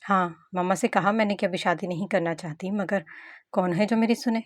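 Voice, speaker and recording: A woman's voice: medium pitch, fairly even intonation, normal speed, dry recording, clean studio sound, lightly acted. A woman reading the lines of a gloomy, worried young female student in an audiobook story. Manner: gloomy, complaining.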